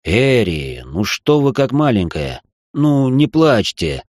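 A woman voicing a gentle, flustered nobleman who speaks softly and with embarrassment, in an audiobook. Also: rumbling low, big pitch swings, slow pace, dry recording, studio quality, voice pushed down, exaggerated voice. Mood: soothing. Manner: soft, coaxing, embarrassed.

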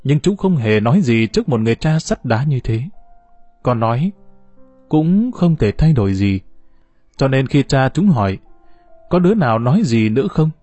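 A man narrating a novel for an audiobook in a calm, measured storytelling voice. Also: mid-range voice, no room sound, soft background music. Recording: dull, slightly muffled recording.

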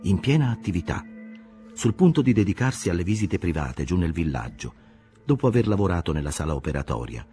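Deep-voiced man reading a novel aloud. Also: very animated, fairly quick, mellow, soft background music. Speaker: audiobook reader. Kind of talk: scripted literary narration.

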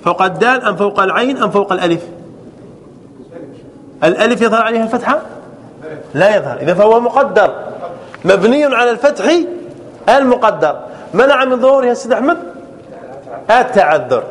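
A man teaching a grammar class, drilling verb forms slowly and checking often that students follow. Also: high voice, expressive, in a large hall. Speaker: sheikh teaching Arabic grammar.

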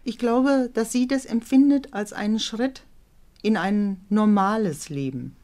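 A mother of a teenage daughter, middle-aged, gives a candid, reflective documentary interview in a slightly mellow, mid-range voice. She speaks a little haltingly and repeatedly adds tag questions, as if hoping the listener agrees.

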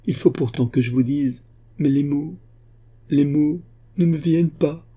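A man's voice: mid-range voice, normal speed, dark tone, slightly rough, pitched above the performer's own voice, lightly acted. A man voicing a desperate, breathless young woman pleading with her father. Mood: exhausted.

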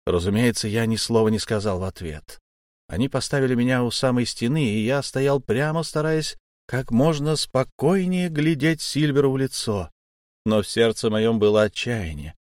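Male narrator reading adventure fiction, animated intonation, dry close mic. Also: medium pitch, normal speed, no echo. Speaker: audiobook narrator. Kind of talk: first-person storybook narration.

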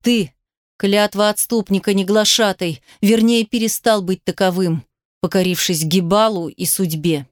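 A woman voicing a young man who speaks in a flat, cold, clipped tone to the father who betrayed him. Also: medium pitch, unhurried, no echo, clean studio sound, close to an everyday voice. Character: young man, cold, contemptuous, grief-stricken son.

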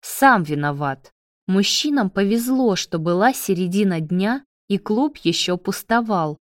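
Woman audiobook narrator, slow and measured, dry close sound. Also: mid-range voice, animated, dry recording.

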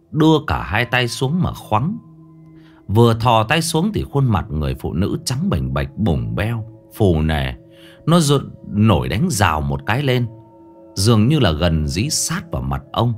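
A man narrating a ghost story dramatically, lingering on eerie details. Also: lowish voice.

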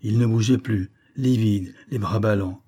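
A male narrator reading a classic story aloud in a low, husky voice. His tone is dark and mellow, and his delivery is measured and expressive throughout. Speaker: audiobook narrator. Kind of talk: scripted narration.

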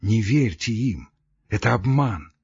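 A man voicing a middle-aged male doctor who is nervous and breaking down, with a husky voice and shrill, tearful shouting. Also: lively intonation, unhurried, dull audio, heavily acted. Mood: weary.

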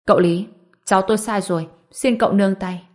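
A woman's voice: medium pitch, fairly even intonation, brisk, darkish tone, close to an everyday voice. A woman reading a dignified middle-aged male Taoist patriarch in an audiobook, courteous yet commanding. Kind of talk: audiobook narration.

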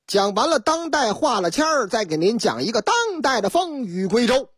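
A woman's voice: a little high, normal speed, breathy edge, soft background music. A woman radio host with a Beijing accent, telling comic stories in a chatty, teasing way. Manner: chatty, teasing, lively asides. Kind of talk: Beijing-dialect comic storytelling.

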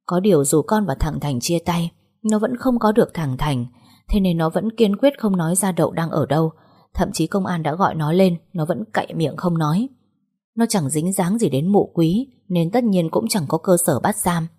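A woman voicing a grieving middle-aged father in an audiobook, speaking in a plain, even way. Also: on the low side, normal speed, husky. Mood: grave.

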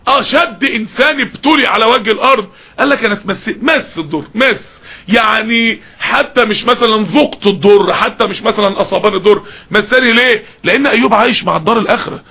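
A man with an Egyptian accent preaching a sermon with passion, often breaking into shouts. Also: high voice, fast, vocal fry. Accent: Egyptian Arabic.

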